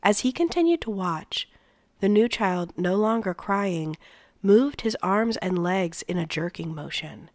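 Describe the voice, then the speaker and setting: Woman narrator, soft, unhurried storybook reading in a dry close sound. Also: medium pitch, lively intonation, dry recording. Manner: slow, soft, often near a whisper. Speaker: read-aloud narrator. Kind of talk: reading a novel aloud.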